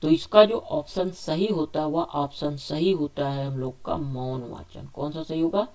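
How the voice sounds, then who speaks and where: In an unhurried, fairly high, darkish voice, the teacher works through an oral exam quiz. He reads and asks every question, answers it on his own, and keeps going back over the options.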